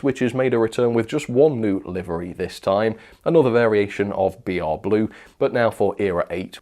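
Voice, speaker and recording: With a lowish, darkish voice, a British-accented man runs a model train review channel and delivers product news commentary. His take is casual and opinionated, told conversationally and sprinkled with little asides.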